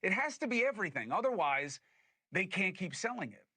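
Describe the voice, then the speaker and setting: A man hosting a podcast, giving emphatic, animated political commentary. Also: high voice, a little fast, breathy edge, dry recording. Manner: emphatic and animated, with scornful laughs. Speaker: podcast host.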